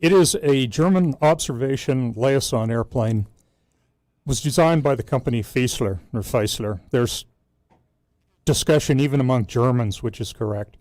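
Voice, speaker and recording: A man's voice: mid-range voice, normal speed, a little mellow, no echo. A man on a radio show explaining historic aircraft in a precise, informative way. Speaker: museum guide explaining aircraft. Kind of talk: casual talk radio chat.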